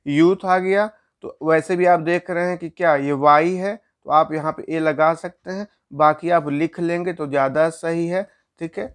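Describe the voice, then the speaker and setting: A man's voice: a little high, clear, resonant tone. A man teaching a grammar lesson, explaining step by step and asking questions he answers himself.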